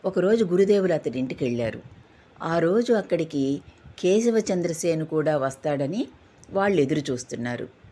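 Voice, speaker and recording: A woman narrating devotional stories in a steady, gentle reading style. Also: low voice, moderate pace, husky. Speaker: storyteller.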